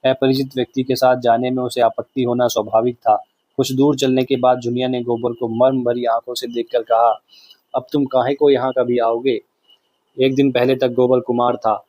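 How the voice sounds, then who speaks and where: A man reading a classic novel aloud as narrator, with steady, measured storytelling. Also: medium pitch, no room sound.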